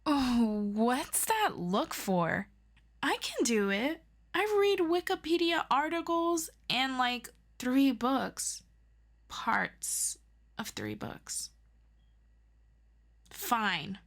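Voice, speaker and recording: A high-pitched woman, her voice exaggerated and full of big pitch swings, plays an eager superhero best friend in an audio roleplay. Sounding defensive yet earnest, she tutors the listener in a halting, casual, self-deprecating manner.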